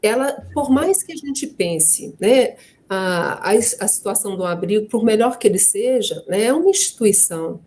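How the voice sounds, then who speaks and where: A woman's voice: medium pitch, animated, normal speed. A middle-aged Brazilian woman, an adoptive mother, telling personal anecdotes in a panel talk and often tagging her sentences with questions. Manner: warm anecdotal telling, frequent tag questions. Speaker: adoptive mother and guest speaker.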